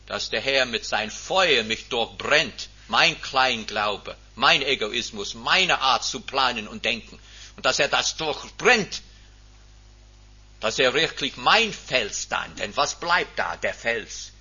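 A man preaching a sermon, emphatic, swinging from loud stresses to near-whispers. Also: mid-range voice, husky. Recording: dull lo-fi recording.

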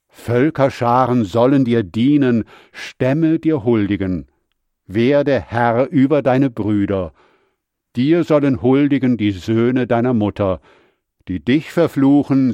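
A man voicing an old blind father who blesses his son in a solemn, measured scripture reading. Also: mid-range voice, mellow, no echo, natural voice.

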